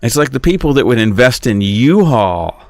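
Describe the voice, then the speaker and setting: A man talks alone into the mic in a rambling, indignant podcast monologue. His pitch swings widely as he jumps between voices for imagined arguments. The sound is close and dry, with little room around it. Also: big pitch swings, normal speed, darkish tone, no echo. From United States. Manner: rambling, indignant, acts out imagined dialogues in raised voice. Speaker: podcast host. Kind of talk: casual monologue.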